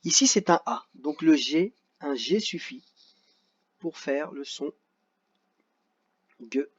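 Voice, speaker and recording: Patient guy teacher going over a kids' worksheet, slightly high voice, kinda muffled audio. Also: animated, slightly rough. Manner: slow, patient, sounding out syllables. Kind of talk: correcting a worksheet for children.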